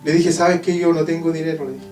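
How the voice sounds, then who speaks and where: A man from Chile with a Chilean Spanish accent, preaching an evangelical sermon and telling a testimony with emphatic, drawn-out phrases and repeated refrains. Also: a little high, fairly even intonation, darkish tone. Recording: echoey church hall from a distance with faint guitar. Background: faint guitar playing.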